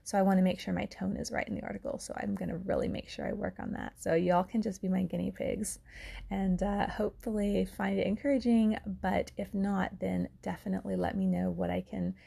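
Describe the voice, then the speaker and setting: A woman, hosting a casual solo podcast in an earnest, reflective way with soft laughs. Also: mid-range voice, flat delivery, a little fast, vocal fry, slightly rough. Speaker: podcast host and author.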